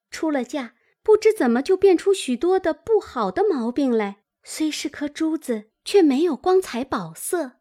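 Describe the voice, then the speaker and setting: A woman's voice: high-pitched, warm tone. A woman reading as a chatty, gossipy young maid girl who talks on indignantly.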